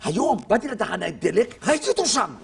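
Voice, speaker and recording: A man preaching a fiery religious sermon, shouting and breaking into sing-song outbursts. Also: high-pitched, sing-song, gravelly, slightly rough. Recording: distant voice with faint noise.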